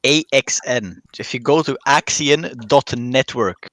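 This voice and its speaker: A man's voice: medium pitch, measured pace, a bit bright, no echo. A man chatting informally in a group voice chat, slangy and teasing.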